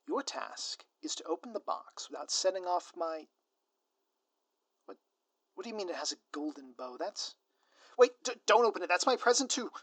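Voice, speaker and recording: In a scripted ASMR roleplay, a man plays a theatrical supervillain, addressing the listener directly in florid, formal phrases as a schemer secretly a doting, lovestruck spouse, sounding flustered and indignant. His slightly high, a bit bright voice has lively intonation at normal speed with long pauses, heavily acted. The recording is close and very dry, with no echo.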